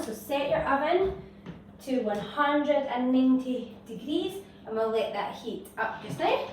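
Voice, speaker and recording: A woman's voice: on the high side, a little mellow. A woman hosting a baking demonstration for children, giving simple, encouraging step-by-step instructions. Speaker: host of a children's baking show. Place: indoor home kitchen. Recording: echoey noisy kitchen, distant mic, utensil clatter.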